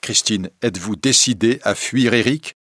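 A man's voice: fairly low pitch, moderate pace, a bit bright, dry recording. Guy reading a worried young guy, urgent, asking questions, dry close storybook sound. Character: young man, anxious suitor, urgent. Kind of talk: audiobook reading.

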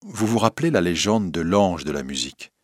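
Brief: anxious young woman singer, tense and pleading, read by a low-voiced man. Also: big pitch swings, brisk, no echo, clean studio sound. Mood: earnest.

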